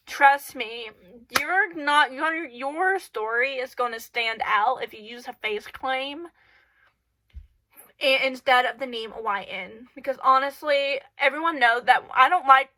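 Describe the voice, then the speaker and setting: A channel host with a high, sharp voice talks through casual advice, wandering and leaning on fillers. A cold makes her sound congested and stuffy, and she is recording on a camera in her bedroom.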